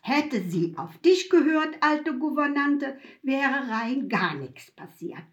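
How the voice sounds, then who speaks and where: A woman's voice: expressive, slow. A woman voicing a mischievous, thrill-seeking inner voice that taunts and eggs on in an audiobook. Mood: taunting. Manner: shrill, loud, taunting. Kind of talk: audiobook reading.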